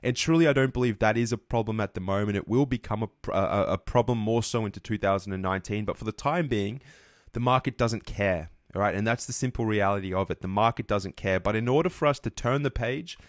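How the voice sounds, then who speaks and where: A man's voice: fairly low pitch, quick pace, few pauses, dry recording, studio quality. A man giving a market analysis lesson over charts, earnest, often restarting and correcting himself mid-sentence. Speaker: trading educator.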